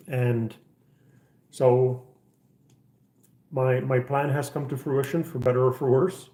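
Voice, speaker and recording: A middle-aged man from the Czech Republic talks casually to his livestream viewers from his house. His voice is mellow and dark, and he rambles through plenty of ums and false starts. The room around him is echoey. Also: medium pitch, big pitch swings, slow, pauses often. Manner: rambling, many fillers and restarts. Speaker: livestream host. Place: house interior.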